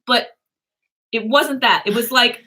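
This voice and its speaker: Woman, fairly high pitch, bright sharp tone, casual livestream chat, giggly, loose phrasing. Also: measured pace, husky. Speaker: livestream co-host.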